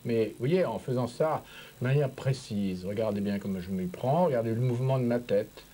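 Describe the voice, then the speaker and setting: A man's voice: medium pitch, normal speed, warm tone, slightly rough. A man coaching a patient through voice exercises, patient and encouraging, often checking that he is understood. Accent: French. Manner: patient, encouraging, repeats "vous voyez" often. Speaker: speech therapist.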